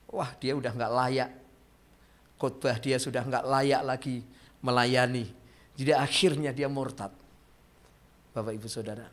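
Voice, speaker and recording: A male pastor preaching a sermon, telling a personal story to the congregation, dropping soft and then rising to loud emotional peaks. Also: mid-range voice. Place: church.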